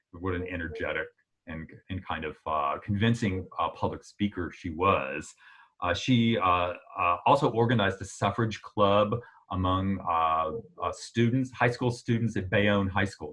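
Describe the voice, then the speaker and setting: In a husky voice, a man talks through an illustrated history lecture, keeping it loose and conversational. Frequent "uh" fillers and abrupt pitch leaps for emphasis mark his delivery.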